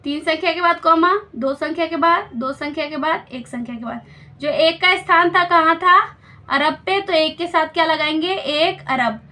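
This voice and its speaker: A woman's voice: very high-pitched, moderate pace, sharp tone. A woman teaching a school maths lesson step by step, patiently explaining and checking understanding with questions.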